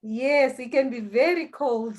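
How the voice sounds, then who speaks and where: A woman with a Zimbabwean accent, whose native language is Shona, appears as an interview guest and shares a conversational personal account, hesitating and repeating herself. She founded a language school. Her voice is high-pitched, a little mellow and unhurried.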